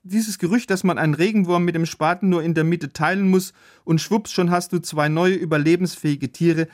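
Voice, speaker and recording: A man as the biologist guest, calmly explaining facts in a podcast chat. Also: sits high, a little fast. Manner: patient, factual explainer.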